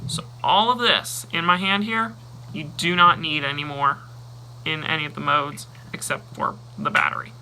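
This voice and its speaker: A man talking casually through a toy review, describing each step as he handles the toy and pausing or muttering now and then. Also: on the high side, steady tone, sharp tone, slight background noise, low-quality recording.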